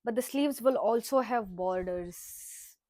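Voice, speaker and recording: A young woman from South India with a Kannada-speaking Indian accent, chatting casually and excitedly in an unboxing vlog, with fillers and exclamations. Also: on the high side, slow, no room sound, rough recording. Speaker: vlogger.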